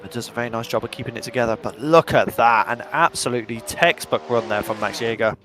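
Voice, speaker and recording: A man's voice: medium pitch, fast, music in the background. A young man giving chatty, upbeat play-by-play commentary on a virtual drift event and reading out live chat.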